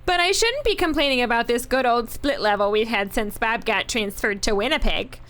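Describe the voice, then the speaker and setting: A woman's voice: a little high, moderate pace, fairly bright tone, lightly acted. A woman voicing a chatty middle-aged woman in a video game, reading her friendly letter aloud in a gossipy, sing-song way.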